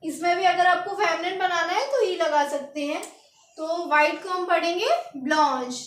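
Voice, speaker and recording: A woman's voice: very high-pitched, fairly even intonation, normal speed, a bit bright. A woman teaching beginners, spelling words letter by letter and asking learners to repeat after her. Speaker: French teacher. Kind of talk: lesson for beginners. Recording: echoey room.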